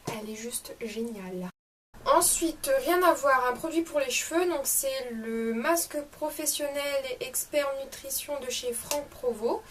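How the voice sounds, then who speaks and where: Young woman vlogger, bright higher voice, chatty product review, mic a bit distant with faint hiss. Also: a little slow, hardly any pauses. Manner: chatty, enthusiastic, many fillers. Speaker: beauty vlogger. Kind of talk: casual product review vlog. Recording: slightly distant mic with faint room noise.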